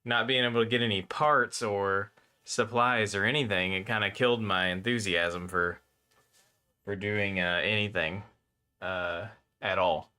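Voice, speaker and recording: Streaming his console mod install from the workbench, this electronics modder rambles casually with lots of fillers as a slight cough from a cold fades. His voice is lowish, pushed and bright, with a clean tone, fairly even intonation, and a slightly slow pace.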